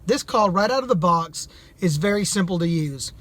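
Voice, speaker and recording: A man's voice: high voice, expressive, moderate pace, a bit bright. A man speaking in a plain, folksy way as he gives a casual, slightly hesitant product demonstration. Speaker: amateur duck hunter reviewing calls.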